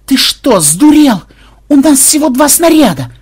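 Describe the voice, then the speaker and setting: A man voicing a hotheaded young male fighter who yells in a strained high voice. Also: very animated, takes it slowly, full character voice. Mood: alarmed. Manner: yelling, high-pitched.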